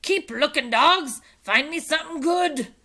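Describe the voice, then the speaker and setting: A huge, mean pirate captain who roars and growls out each word slowly, as a woman reader puts him on. He is greedy and bullying, with a loud, drawn-out storybook bellow. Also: sits high, lively intonation, pitched above the performer's own voice, exaggerated voice. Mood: roaring.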